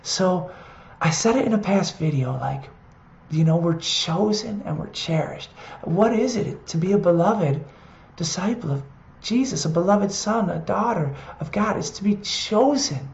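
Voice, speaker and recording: A preacher giving an earnest, heartfelt scripture reflection and reading Bible passages aloud with quiet emphasis. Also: medium pitch, lively intonation, measured pace, gravelly, reverberant, dull audio. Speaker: preacher in an online video series.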